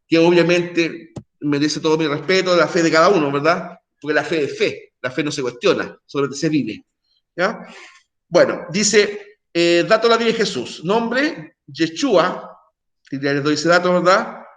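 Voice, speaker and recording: High-voiced teacher, echoey room. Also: male voice, unhurried, a bit bright. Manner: conversational, full of tag questions and restarts. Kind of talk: recorded online class lecture.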